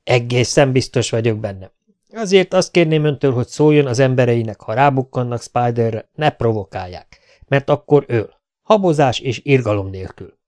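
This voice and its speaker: A man's voice: mid-range voice, a little mellow, close to an everyday voice. A man reading an audiobook, voicing an earnest, determined male lieutenant.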